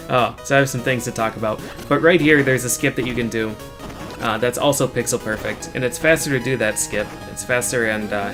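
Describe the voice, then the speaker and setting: Guy doing speedrunner commentary, kinda techy and hesitant, matter of fact, higher-ish voice, game music behind him. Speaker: speedrunner commentating on own run. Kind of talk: speedrun commentary, casual explanation. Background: video game music.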